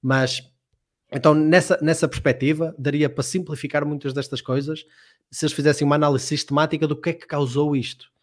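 A man's voice: on the high side, flat delivery, fairly quick. A man with a European Portuguese accent co-hosting a casual live discussion, giving emphatic, opinionated commentary. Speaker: co-host.

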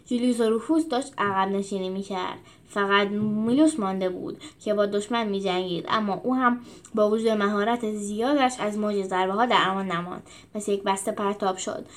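A woman hosting a show, reading a storybook aloud in a steady narrating voice. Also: mid-range voice. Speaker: storyteller and host.

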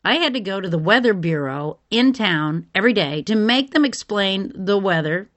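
A woman's voice: medium pitch, lively intonation, normal speed, fairly bright tone. A woman podcast host telling her own story in a scripted but conversational narration. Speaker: podcast host, former television reporter. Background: music bed.

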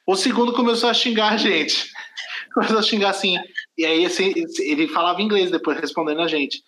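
A man's voice: high voice, brisk, sharp tone, roomy sound, slight background noise, poor audio. A Brazilian man hosting a podcast, telling a travel story in casual chat, rambling and correcting himself. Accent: Brazilian Portuguese. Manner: rambling, self-correcting, laughs at own story. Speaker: podcast host.

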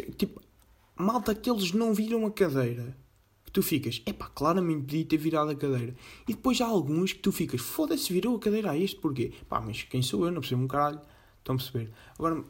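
A man's voice: mid-range voice, breathy edge. A man with a European Portuguese accent hosting a casual reaction video, full of slang and swearing, speaking straight to his viewers. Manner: slangy and profane, addresses viewers directly. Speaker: video host.

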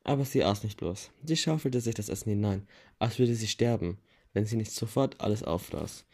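A man reading a first-person novel aloud in a plain, steady way, with small self-corrections now and then. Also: fairly low pitch, moderate pace. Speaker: audiobook reader.

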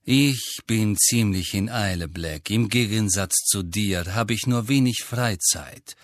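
Male reader doing a silky, mocking villain-teacher, low and unhurried, audiobook. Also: dry recording, clean studio sound. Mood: cold. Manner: soft, slow, silky and mocking. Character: sneering cold male potions teacher. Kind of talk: audiobook character voice.

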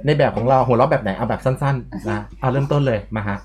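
A man hosting a lively radio interview, chatty and teasing, with frequent fillers. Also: mid-range voice, quick pace, a little hiss or hum. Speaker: radio DJ host.

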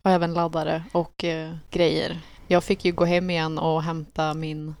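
A young woman co-hosting a casual chat podcast, telling her story in a matter-of-fact way with small pauses and dry laughs. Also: low-pitched, level tone, a little mellow. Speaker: podcast co-host.

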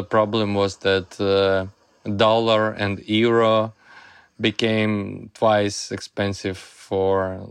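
A man with a Russian accent, an interview guest from the music industry, talking in a halting way with many pauses. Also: on the low side, a bit bright, smooth, no room sound, clean studio sound. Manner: hesitant, halting with "uh" and restarts. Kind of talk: casual conversation.

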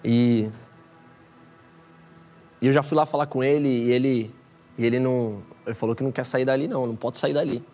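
A young man from Brazil with a Brazilian Portuguese accent, preaching and telling a story in a casual, slangy way with excited rising bursts. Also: mid-range voice, fairly quick, pauses often. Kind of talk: sermon storytelling. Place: church hall.

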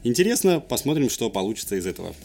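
A man's voice: medium pitch, big pitch swings, quick pace, vocal fry, darkish tone, soft background music. A young man, a TV journalist, answering as an interview guest in casual conversational storytelling. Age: young adult.

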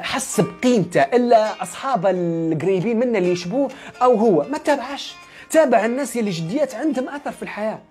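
A man, a psychologist giving a motivational livestream talk in an animated, repetitive, conversational way. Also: high voice.

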